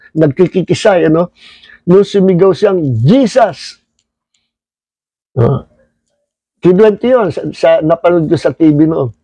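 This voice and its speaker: High-voiced older Filipino pastor preaching. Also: male voice, no echo, muffled recording. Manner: storytelling, mixing English phrases into Tagalog, exclaims loudly. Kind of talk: livestreamed Bible study sermon.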